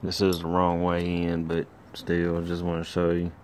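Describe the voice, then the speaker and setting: A middle-aged home mechanic films his own engine rebuild on a handheld phone, rambling through each step in plain, filler-heavy how-to talk. His low voice stays completely flat at a moderate pace, with a little hiss or hum on the recording.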